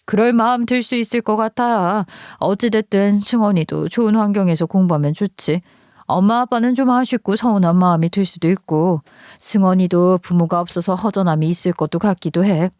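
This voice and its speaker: A woman voicing an older mother-in-law who speaks softly and persuasively in a half-whisper. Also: mid-range voice, no echo, clean studio sound, natural voice. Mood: coaxing. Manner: soft, half-whispered, measured.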